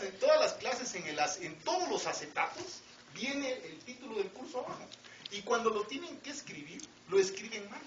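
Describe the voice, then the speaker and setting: A middle-aged man with a Mexican accent lecturing students in an academic talk, with wry joking asides and frequent rhetorical questions. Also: sits high. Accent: Mexican Spanish. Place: lecture hall with audience. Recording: roomy, distant, dull, noisy lecture hall recording.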